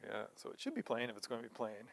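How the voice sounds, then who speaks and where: Man, mid-pitched voice, informal teacher's lecture, emphatic stresses, rhetorical questions. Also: huge pitch swings, fast, vocal fry, a crowd in the background. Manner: rhetorical questions, emphatic stresses, trailing quieter at phrase ends.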